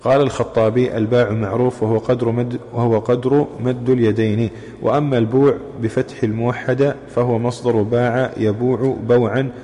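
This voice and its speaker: A man reading a classical commentary aloud in a mosque, with steady recitation. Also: medium pitch, a little fast. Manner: steady recitation of quoted chains. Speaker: student reading the text aloud. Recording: long reverb from mosque hall.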